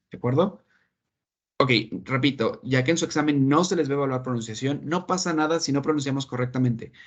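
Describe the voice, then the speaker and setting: A male English teacher leads an online class. He is patient and keeps checking that everyone understands. His voice sits mid-range and comes through a slightly dull, lo-fi call line. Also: medium pitch. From Mexico. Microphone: video call.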